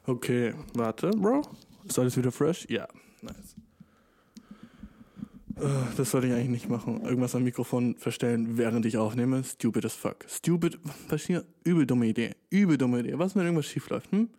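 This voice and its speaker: A man's voice: medium pitch, moderate pace. A man in his twenties chatting casually and at length, full of slang and swearing, and he keeps calling the listener dude. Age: 20s. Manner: slangy, profane and rambling; excitable, addresses listener as dude. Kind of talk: casual solo chat.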